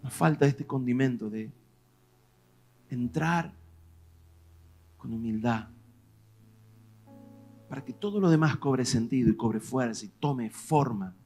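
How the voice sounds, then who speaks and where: A man with a Rioplatense Spanish accent, a pastor preaching a sermon in a lively, conversational way, pressing questions on his congregation. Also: mid-range voice, slow, pauses often, faint music behind. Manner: animated preaching, rising loud on questions to the congregation.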